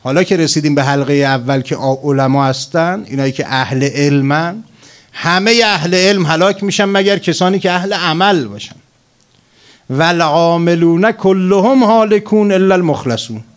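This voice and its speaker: A man's voice: on the high side, a bit bright. A man preaching a sermon, telling a story and building to emphatic passages.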